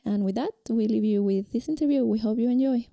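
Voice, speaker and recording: A woman co-host introducing a podcast episode in an upbeat, clear, scripted way. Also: fairly high pitch, quick pace, warm tone.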